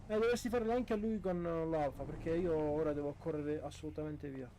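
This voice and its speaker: Man, mellow dark tone, slightly high pitch, informal gaming chat, faint noise. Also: brisk, rough recording. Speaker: mechanic in an online role-play garage.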